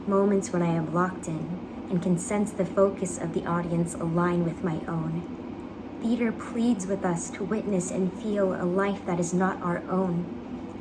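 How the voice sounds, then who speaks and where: Clear background noise surrounds a young woman with a fairly low voice. She reads a personal essay aloud as a dramatic piece. Her phrasing is earnest, measured and careful. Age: young adult. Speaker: actor reading own application essay. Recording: clearly noisy background ambience.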